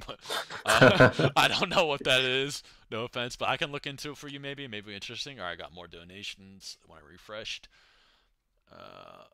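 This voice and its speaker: A man's voice: on the low side, sharp tone, dry recording. A man livestreaming in a casual, laid-back way, rambling through slangy, profane chat and replies to donations. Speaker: livestreamer reading donation messages.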